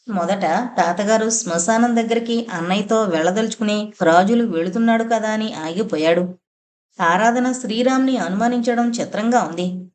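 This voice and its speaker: Woman narrating a suspense novel dramatically. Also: medium pitch. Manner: dramatic, measured storytelling. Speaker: audiobook narrator.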